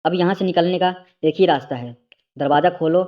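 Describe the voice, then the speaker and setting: A man's voice: a little high, fairly quick, muffled recording, natural voice. A man voicing a menacing middle-aged male family friend who talks in a cold, mocking way, in a storybook reading.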